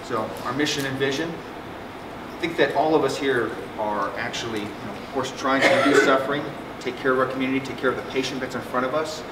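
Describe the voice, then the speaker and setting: In an echoey conference room with a projector screen, the air conditioning humming and the mic far away, a middle-aged psychiatrist gives a symposium presentation. His medium-pitched voice is steady and quick, and his manner is conversational and joking, with frequent fillers and restarts.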